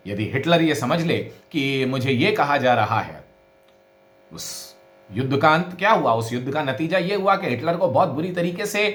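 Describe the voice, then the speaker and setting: Animated male philosophy lecturer, roomy sound. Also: a little high. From India. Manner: deliberate explaining, stresses words to demonstrate meaning, frequent "uh" fillers. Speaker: philosophy professor. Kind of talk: recorded video lecture. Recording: echoey room.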